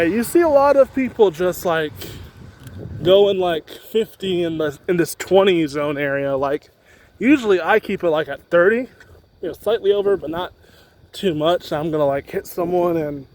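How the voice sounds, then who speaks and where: Higher-voiced young man rambling outdoors. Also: expressive, moderate pace, a little mellow. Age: young adult. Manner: rambling, off-the-cuff. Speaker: student vlogger. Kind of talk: casual walking vlog chat. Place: outdoors on a campus street. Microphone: handheld phone. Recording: faint outdoor street noise.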